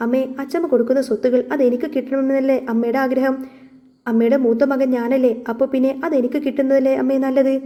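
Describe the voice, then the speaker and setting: A woman reads out an anxious young husband in a storybook retelling, begging and earnest. The voice sits high and quick, with a mellow, darker tone. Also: flat delivery, natural voice. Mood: pleading.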